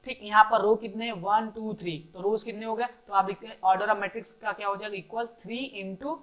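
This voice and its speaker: A woman's voice: mid-range voice, fairly even intonation, normal speed. A woman maths teacher giving a board-exam revision lesson, counting rows and columns aloud and answering her own questions, with in.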